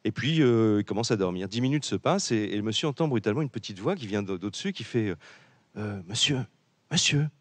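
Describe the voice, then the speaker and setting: A man's voice: on the low side, expressive, quick pace, hardly any pauses, a little mellow, no room sound. A man on a radio talk show telling a long joke, with some hesitations and restarts. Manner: storytelling, hesitant fillers.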